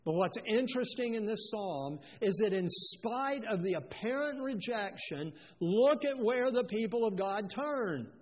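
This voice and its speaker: A man with a high voice preaches in earnest, measured stretches that swell into fervent appeals. The recording is dull and lo-fi, muffling his delivery. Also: lively intonation. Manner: earnest preaching, rises to fervent scripture quotes. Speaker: pastor. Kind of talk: sermon.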